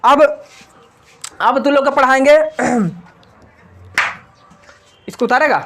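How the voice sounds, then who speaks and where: A man's voice: very high voice, slow, a bit bright, soft background music. A young man teaching a classroom grammar lesson, drilling students with call-and-response questions.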